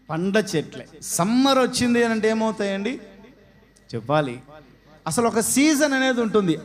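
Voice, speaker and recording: A man preaching a sermon, asking rhetorical questions and calling on the congregation to answer aloud, moving between loud exhortation and soft low asides. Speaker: pastor.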